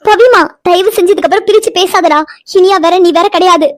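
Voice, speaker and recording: A caring, motherly woman in a cartoon story, voiced by a woman, gentle yet firm and affectionate. Her voice is very high and her speech quick. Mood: tender. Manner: soothing, affectionate. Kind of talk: cartoon voice acting.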